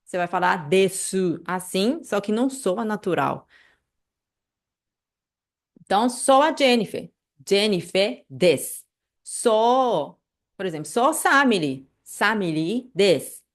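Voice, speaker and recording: A chatty woman, teaching a relaxed live class over a computer mic. Her voice sits in a middle pitch and she keeps checking in with her students as she explains. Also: takes it slowly, long pauses. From Brazil. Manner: chatty, many fillers like "né" and "tá", animated asides. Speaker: Japanese language teacher.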